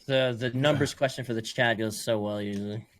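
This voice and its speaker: Fast-talking joking young man. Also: medium pitch, fairly even intonation. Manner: rapid, joking, swearing. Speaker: podcast co-host. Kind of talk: casual podcast chat.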